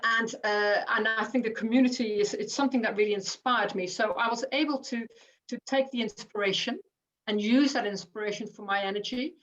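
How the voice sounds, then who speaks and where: A woman's voice: a little high, fairly quick, fairly bright tone. Woman, midwife leader, earnest, restarts often, distant muffled call audio. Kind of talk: panel discussion answer.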